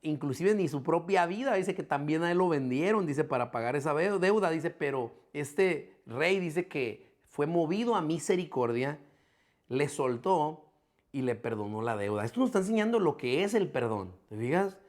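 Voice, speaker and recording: A man's voice: a little high, expressive, moderate pace. A man preaching a sermon as pastor, explaining each point patiently and repeating key figures for emphasis. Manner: explanatory, constantly checking in with listeners. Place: church streaming an online service.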